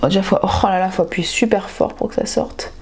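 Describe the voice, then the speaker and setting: A woman's voice: medium pitch, fairly even intonation, brisk, darkish tone, husky. Chatty young woman unboxing nail products. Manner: chatty and enthusiastic, gushing over products. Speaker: nail vlogger. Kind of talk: casual haul unboxing vlog.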